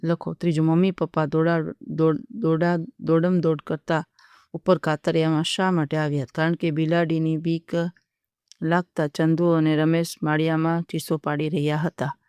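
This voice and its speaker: A teacher welcoming students and dictating workbook answers question by question, in a steady, methodical way. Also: medium pitch, normal speed, smooth, no echo.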